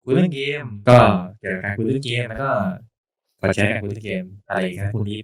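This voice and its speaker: Low-voiced man hosting a casual podcast. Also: racing. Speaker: podcast host. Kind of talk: casual podcast chat introducing a channel.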